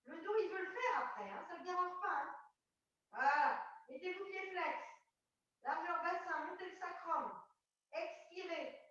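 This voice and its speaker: Fitness instructor, woman, high and sharp-toned, encouraging cues, heard from afar in a very echoey studio with dull sound. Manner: brisk repeated instructions; encouraging, coaxing. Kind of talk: cueing a group floor exercise class. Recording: very echoey room, mic far off, dull sound.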